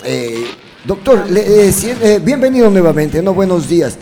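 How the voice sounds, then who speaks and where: A man's voice: high-pitched, very animated, normal speed, over music. A man co-hosting a casual radio studio interview, jokey and teasing. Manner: jokey, teasing, many fillers. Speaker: radio co-host.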